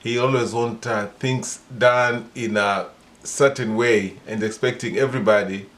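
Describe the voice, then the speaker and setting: A Kenyan man in his sixties, answering his daughter's questions in a casual family interview, pausing often with "uh" between his words. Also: medium pitch, fairly even intonation, fairly bright tone. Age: 60s. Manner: hesitant, many pauses and "uh" fillers. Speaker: interviewee, father.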